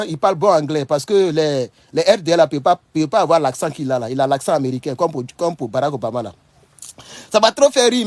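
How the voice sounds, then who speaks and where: A man giving casual, animated commentary to his followers. He repeats himself often and laughs as he talks. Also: fairly high pitch, no echo. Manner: animated, repetitive, laughs often while talking. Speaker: online political commentator.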